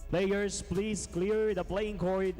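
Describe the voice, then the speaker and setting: Booming high-pitched arena announcer man. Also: little pitch movement, a little mellow, faint music behind. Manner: drawn-out, booming name calls. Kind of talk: player introductions. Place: indoor arena. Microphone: PA system.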